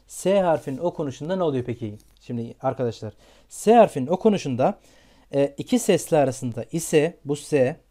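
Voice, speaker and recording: Mellow-voiced male English teacher. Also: mid-range voice. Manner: repeats questions and checks with "tamam mı". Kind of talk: beginner pronunciation lesson.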